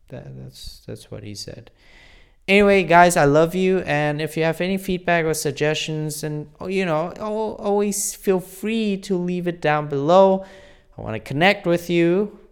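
Slow-talking earnest young man. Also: high-pitched, creaky, clean tone. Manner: rambling and earnest, many restarts. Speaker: vlogger. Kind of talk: casual daily vlog.

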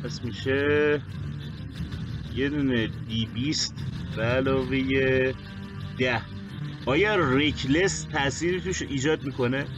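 A man's voice: medium pitch, highs cut off. Man planning his game moves over music. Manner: plans his moves out loud, counting and asking the game master. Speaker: player. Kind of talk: casual chat at a tabletop game.

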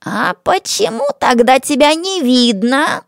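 A woman's voice: sits high, lively intonation, unhurried, dry recording, studio quality, voice pushed up. A woman voicing a sly, cowardly ex-mullah of forty-two who fawns and stammers. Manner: fawning, stammering, pleading.

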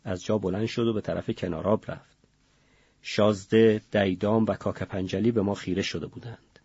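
A man reading a novel as an audiobook narrator, in a measured, grave delivery. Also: fairly low pitch, steady tone, gravelly, darkish tone, husky, no echo, dull audio.

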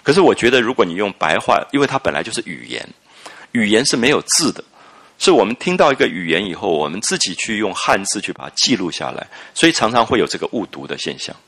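An older man, giving a reflective lecture on a classic novel, with drawn-out "ah" fillers. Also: fairly low pitch, big pitch swings, a bit bright, slightly rough. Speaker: literature lecturer.

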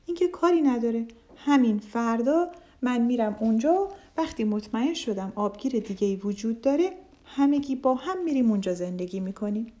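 A woman's voice: a little high, animated, dark tone, lightly acted. A woman voicing a sensible, cautious duck in a children's storybook fable, speaking confidently and reassuringly. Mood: firm.

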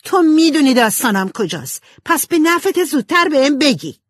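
A woman's voice: sits high, sing-song, no room sound, studio quality, pitched above the performer's own voice. A woman voicing a headstrong, blunt teenage girl in an audiobook. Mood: angry. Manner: blunt and sharp.

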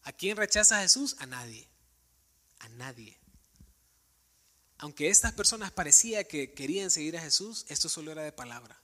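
Bright-voiced male preacher in a reverberant hall. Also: high voice, fast talker, few pauses. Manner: earnest, asks the congregation pointed questions. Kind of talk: sermon. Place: church sanctuary with live congregation.

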